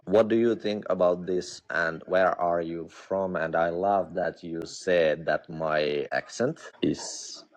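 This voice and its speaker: Low-pitched Finnish-accented man, non-native English, halting and hesitant, casual livestream guest. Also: fairly even intonation. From Finland. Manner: halting, searching for words. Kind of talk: casual chat.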